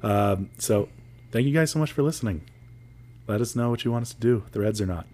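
Guy hosting a podcast, lowish voice, just chatting and joking around, swears a bit. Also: animated, a little fast, darkish tone. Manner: loose, joking, profane. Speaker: podcast host. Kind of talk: casual chat.

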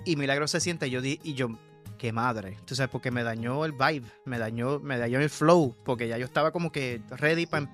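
A man in his fifties with a Puerto Rican accent, co-hosting a podcast and telling stories in a loose, animated way, laughing often and slipping English words into his Spanish. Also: mid-range voice, a little fast, faint music behind. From Puerto Rico. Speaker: podcast co-host. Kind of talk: casual storytelling chat.

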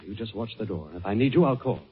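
A gallant, assured gentleman sleuth with very lively intonation. The old radio mystery recording is dull, with faint music. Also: lowish voice, breathy edge. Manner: brisk, assured.

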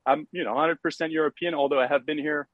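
A man's voice: on the high side, steady tone, fast talker, dry recording, narrow, tinny audio. A middle-aged man from France with a French accent, chatting casually as a podcast guest with many fillers and easy laughter. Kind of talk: casual interview chat.

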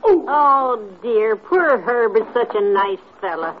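A patient, sensible wife in old-time radio comedy style. Her pitch moves in lively swings, and the sound is dull with faint noise. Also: slow pace. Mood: dismayed. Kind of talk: 1950s radio comedy acting.

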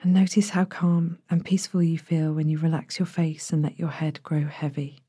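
Dark, breathy woman narrating for sleep. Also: low-pitched, flat delivery, no room sound. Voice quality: soft, breathy, slips toward whisper. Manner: gentle, soothing, unhurried instructions. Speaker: sleep podcast narrator and relaxation guide. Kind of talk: guided bedtime body-scan meditation, sleep story narrator delivery.

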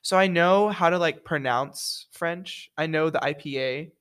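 Playful young man, higher-pitched, podcast chat. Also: smooth. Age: young adult. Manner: playful, quick, animated rundowns. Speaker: student co-host.

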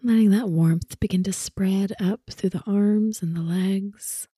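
A woman narrating a guided sleep relaxation like a sleep story narrator, soothing and softly spoken, with unhurried phrases and long pauses. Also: mid-range voice, steady tone, breathy edge, no room sound, clean studio sound.

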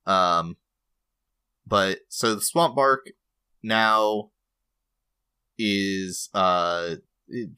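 Guy co-hosting a game podcast, lowish voice, dry close sound, lots of um and uh. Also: pushed and bright, smooth, no room sound. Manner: hesitant, halting, many fillers and restarts. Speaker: podcast co-host. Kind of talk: casual gaming podcast chat.

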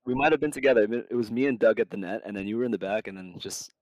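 A man's voice: lowish voice, rapid-fire, darkish tone, no echo, low-quality recording. A young man, a podcast guest, chatting in an easygoing, matter-of-fact way. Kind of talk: casual chat.

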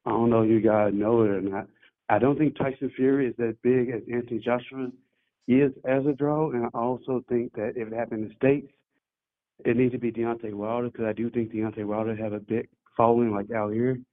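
A man's voice: flat delivery, brisk, no echo. A man calling in over a muffled phone line while leaving an office, talking loosely and repeating words. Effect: muffled, bass-heavy phone line. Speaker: remote caller on a show. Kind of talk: casual chat.

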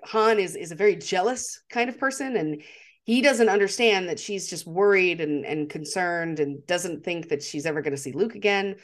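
A woman co-hosting a podcast, talking enthusiastically with lots of fillers and restarts. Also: fairly low pitch. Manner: enthusiastic, rambling with many fillers. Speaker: podcast co-host. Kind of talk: casual chat.

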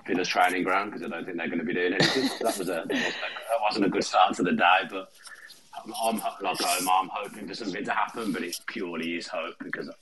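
A very deep-voiced man talks casually over a call, his sound hollow and echoing like he's speaking from inside a tunnel. A loud, crowd-like din fills the background. He comes across dry and a little resigned. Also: fairly even intonation, quick pace. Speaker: podcast guest, sports news worker. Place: his office. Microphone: online call.

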